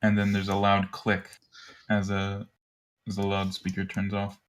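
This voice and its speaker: A man's voice: on the low side, completely flat delivery, unhurried. A man narrating a tabletop game as game master over a voice call, loose and rambling with lots of fillers.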